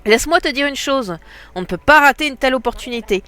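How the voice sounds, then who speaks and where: Woman doing a cheerful female game villager, raised bright pitch, encouraging, slightly stuffy nose. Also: animated, fast, faint music behind. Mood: upbeat. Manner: upbeat, reading game dialogue aloud.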